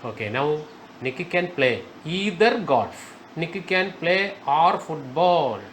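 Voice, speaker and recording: Slow, high-voiced man teaching grammar. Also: lively intonation, a bit bright, a little hiss or hum. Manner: slow, emphatic, repeats key words. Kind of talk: spoken grammar lesson.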